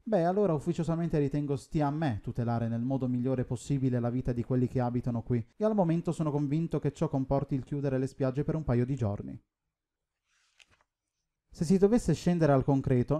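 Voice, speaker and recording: Steady police chief, dry wit, mellow dark voice, man reading. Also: medium pitch, fairly quick, natural voice. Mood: measured. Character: calm, dry-witted male police chief.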